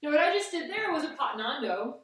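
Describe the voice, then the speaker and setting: A woman with a fairly high voice instructs a fencing exercise step by step. She is recorded at some distance from the microphone, and the room echoes heavily around her words. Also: big pitch swings, fast, a little hiss or hum. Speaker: fencing coach. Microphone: camera at a distance.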